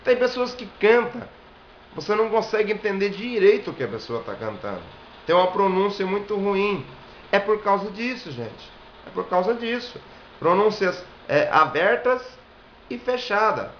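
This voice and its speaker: A Brazilian man with a fairly high voice teaches singing, talking patiently step by step and showing vowel shapes. The recording is dull and lo-fi, in an echoey room with a faint hiss. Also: sing-song, moderate pace. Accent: Brazilian Portuguese. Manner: explains step by step, demonstrates vowels and sings high examples. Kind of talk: video singing lesson.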